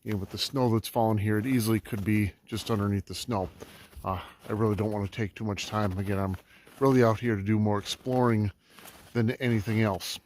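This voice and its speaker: Low-ish guy chatting to his camera out in the snowy woods, lots of ums and uhs. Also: steady tone, brisk, a little mellow, a little hiss or hum. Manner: easygoing, with frequent ums and uhs. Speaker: metal detecting vlogger. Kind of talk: casual outdoor vlog narration. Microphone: camera set up on the trail.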